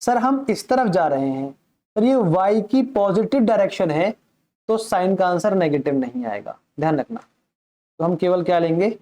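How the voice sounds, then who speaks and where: Mellow-voiced man teaching maths. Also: sits high, lively intonation, unhurried. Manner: asks himself questions and answers them, calls listeners "sir"; patient, repeats key points. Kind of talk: explanatory classroom lesson.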